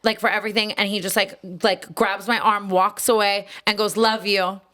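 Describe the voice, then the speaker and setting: A young woman co-hosting a podcast, telling a story in casual chat, rapid and full of fillers, acting out the voices she quotes. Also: mid-range voice, little pitch movement, sharp tone. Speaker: podcast co-host.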